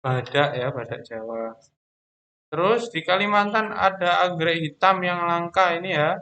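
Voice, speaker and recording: A man teaching a primary school class online, explaining slowly and patiently, often pausing on "ya" and "terus". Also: sits high, sharp tone.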